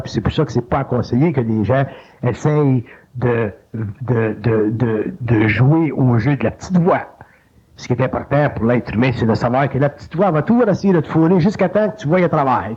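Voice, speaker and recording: A man with a Quebec French accent giving informal spiritual teaching, colloquial and animated, jumping up in pitch to mimic an inner voice. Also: a little fast, slightly rough. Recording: lo-fi digitized cassette tape.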